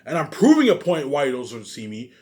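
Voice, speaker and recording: His medium-pitched voice swoops wildly and runs fast, with a slightly mellow quality. The vlogger delivers a rambling, profane, accusatory monologue to his audience, hammering points repeatedly and muttering tag words throughout.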